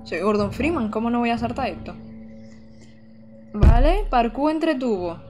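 A young woman from Almería, streaming a game live and chatting excitedly with her viewers. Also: on the high side, a little slow, soft background music. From Almería, Andalusia, Spain. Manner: chatty and excitable, talks to chat, exclaims often. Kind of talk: live-streamed gameplay commentary.

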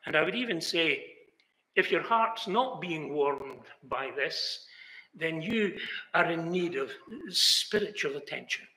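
An older British man preaches a sermon in a chapel hall, his voice on the high side, animated and sharp, taking things slowly. He is earnest and now and then rises to exclamations. A fixed camera holds him in a seated mid shot, and the indoor room echoes.

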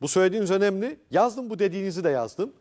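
A man arguing as a journalist on a heated TV panel, insistent and quick to interrupt. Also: high voice, expressive, darkish tone.

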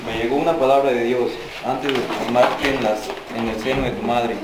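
A man's voice: medium pitch, level tone, moderate pace. Mexican man reading scripture, stumbling slightly. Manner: reads with small stumbles and restarts. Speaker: scripture reader at a mass. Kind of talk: liturgical reading. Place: church during a mass. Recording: echoey church, noticeable noise.

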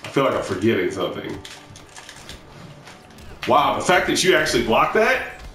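An excitable man streams a fighting game with friends, yelping and trash-talking as his voice leaps wildly up and down. His tone is bright and forceful. He sounds roomy and distant from the mic, with game music playing behind him. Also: medium pitch, normal speed. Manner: excitable, yelps and trash talk. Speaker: gaming streamer. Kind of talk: casual gameplay banter.

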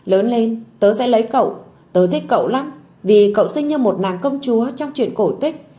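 A woman's voice: on the high side, lively intonation, normal speed, mellow, lightly acted. A woman voicing a brave little schoolboy who acts grown-up and protective, in a storybook audio drama. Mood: earnest. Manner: earnest, grown-up bravado.

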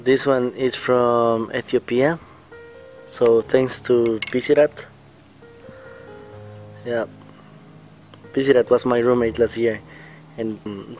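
Outdoors beside a building, a young student vlogger chats casually into a close camera mic, relaxed and rambling, with fillers and laughs along the way. His pitch is ordinary middle height, and soft music plays faintly in the background.

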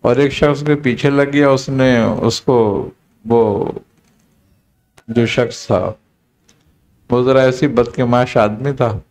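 A man, a spiritual teacher, telling a story in a relaxed conversational talk and acting out the quoted dialogue. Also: medium pitch. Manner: unhurried, recounting with quoted dialogue.

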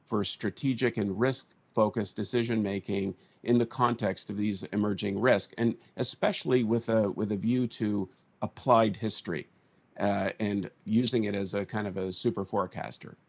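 Middle-aged male conference moderator, gravelly, halting delivery, video-call sound. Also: on the low side, fairly even intonation. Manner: halting, many filler words and restarts. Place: home study with bookshelves. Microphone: video call with earphone mic.

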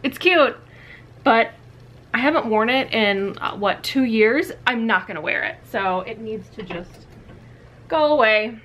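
A young woman's fairly high, expressive voice, fairly bright and a little slow, carries this casual closet clean-out vlog. Standing in a small walk-in closet, she talks candidly to a tripod camera a few feet away, leaning on "like" and "you know."

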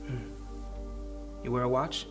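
A man's voice: mid-range voice, fairly even intonation, drawn-out words, over music. A man in his thirties acting as a tough, sardonic police detective, blunt and probing in a naturalistic interrogation scene. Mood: dry probing.

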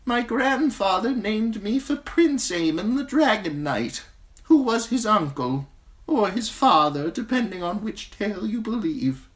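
A woman voicing an ancient, blind male maester who is weary and gentle, speaking in a slow, grave, high quavering voice. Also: expressive, natural voice. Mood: grave, sorrowful.

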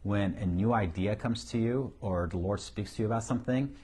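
Seated on an office couch with a lapel mic clipped on, a middle-aged Syrian-accented pastor discusses ministry in a casual but emphatic way. His voice is lowish, mellow and a little fast with a breathy edge, and he repeats his main points and chuckles along the way.

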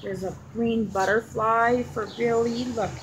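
Slow, gentle woman gushing softly. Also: on the high side, fairly even intonation. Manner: gentle, coaxing, gushing over details. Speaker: crafting channel host. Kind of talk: casual unboxing chat with a child. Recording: clear background noise.

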